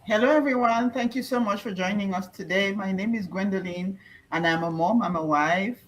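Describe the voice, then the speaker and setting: A woman from Cameroon, a translator and interpreter, speaking softly and a little haltingly. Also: mid-range voice, slight background noise, poor audio. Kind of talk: casual self-introduction.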